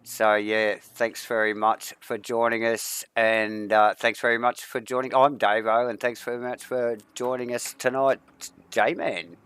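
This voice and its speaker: A man's voice: mid-range voice, flat delivery, a little slow, fairly bright tone, clear, resonant tone, no room sound. A man hosting a sim racing broadcast, chatting casually and reading through long lists of standings. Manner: rambling, reads long lists of names. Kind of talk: casual commentary chat.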